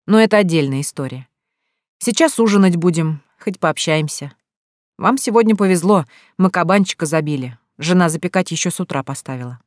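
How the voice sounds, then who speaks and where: A reader voicing an older retired farmer with a grey beard who is chatty and welcoming, talking in a hearty, drawn-out way. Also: mid-range voice, animated, dry recording, studio quality, lightly acted. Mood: hospitable.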